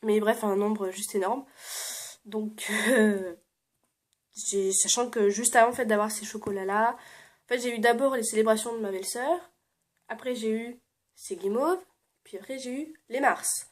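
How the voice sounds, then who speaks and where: Young woman, casual vlog chat, slightly high pitch, lots of fillers, laughs often. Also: normal speed. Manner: chatty, many "euh" fillers, laughs often, drops to soft murmurs. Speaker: beauty vlogger. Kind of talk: casual show-and-tell vlog.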